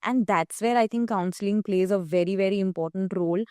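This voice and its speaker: Woman, mid-range pitch, conversational interviewer, dry close sound. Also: fairly quick, a little mellow, clean tone, no room sound. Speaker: interview host.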